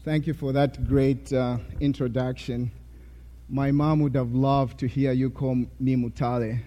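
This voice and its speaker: A young man from Zambia, a graduating student, giving a chapel testimony with a warm, self-deprecating manner and frequent fillers. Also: medium pitch, little pitch movement, measured pace. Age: young adult. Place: college chapel. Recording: hall with long reverb.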